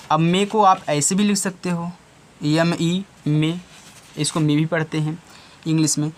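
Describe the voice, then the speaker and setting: Slow, patient male tutor spelling words. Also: on the high side. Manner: spells letters out one by one and repeats each word, checking back with the pupils. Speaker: online tutor. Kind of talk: spelling lesson for children.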